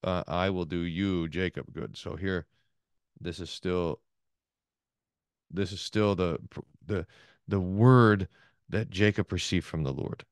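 Middle-aged male pastor, Bible class, lively and thinking aloud, dry close sound. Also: low-pitched, slow pace, pauses often, clean tone, no room sound. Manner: lively, repeats words and restarts while thinking aloud. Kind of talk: Bible class teaching, reading aloud and explaining.

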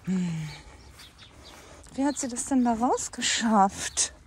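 A woman's voice: on the high side, expressive, takes it slowly, slight background noise. A German woman vlogging casually from her rural home, chatting with many fillers and sometimes dropping to a whisper. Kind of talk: casual vlog monologue. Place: rural house and yard in the country.

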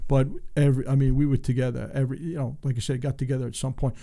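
A man's voice: mid-range voice, flat delivery, very fast, gravelly, dark tone. A man in his sixties from Long Island, New York, a former race car driver telling rambling stories as a guest and acting out the voices he quotes. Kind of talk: casual storytelling interview.

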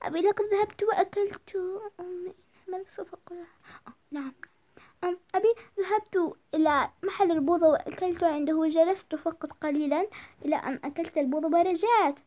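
A woman's voice: extremely high pitch, fast talker, mellow, voice pushed up. A woman voicing a timid young girl caught lying, stammering tearful excuses.

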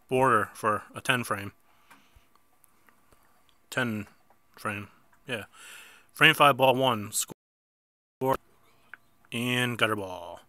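Male gameplay host, stuffy nose, slow bright-voiced chatter, dry close mic. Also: mid-range voice, no echo. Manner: chatty, self-mocking, sudden outbursts at misses. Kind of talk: casual mobile game commentary.

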